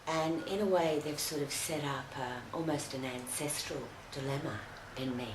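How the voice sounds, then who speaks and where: Low-voiced woman, halting. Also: reverberant, noisy background. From Australia. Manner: halting, full of fillers and restarts. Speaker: video commentator. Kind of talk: casual commentary.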